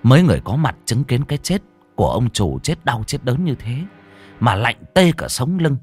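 A man narrating a ghost story in a dramatic, expressive storytelling manner. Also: medium pitch, normal speed, husky, faint music behind.

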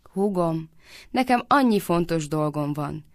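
Brief: woman voicing dim, grumbling young man, low gravelly tone, storybook. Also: expressive, no echo, studio quality. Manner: complaining, slow on the uptake. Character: dim-witted young cowherd husband, grumbling.

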